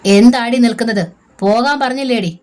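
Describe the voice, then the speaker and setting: A woman's voice: fairly high pitch, normal speed, a little mellow, pitched above the performer's own voice, close to an everyday voice. A woman voicing a furious middle-aged mother who barks harsh orders. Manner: scolding, harsh commands.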